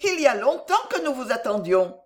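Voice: high voice, big pitch swings, normal speed, voice pushed up. A reader voicing Thérèse, an eager young woman.

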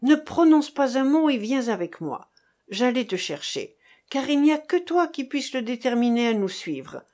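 A woman's voice: high voice, very animated, normal speed, warm tone. A woman reading an audiobook, voicing a stern, commanding cloaked man who gives terse orders.

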